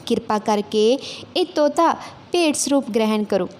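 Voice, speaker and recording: Woman doing a poor male hunter, earnest, emotional, high voice. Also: animated, measured pace, a little mellow. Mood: pleading. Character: poor humble male bird hunter, pleading then angry.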